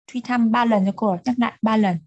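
A woman's voice: fairly high pitch, steady tone, brisk, a little mellow, dry recording, lo-fi sound. A young woman with a Vietnamese accent, a native Vietnamese speaker, teaching English in an online lesson. She drills words patiently and switches between English and Vietnamese. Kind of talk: online repeat-after-me language drill.

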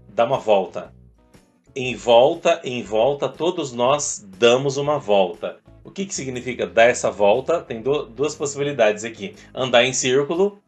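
A man teaching an English song, explaining the lyrics and slowly singing out the lines. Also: mid-range voice. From Brazil.

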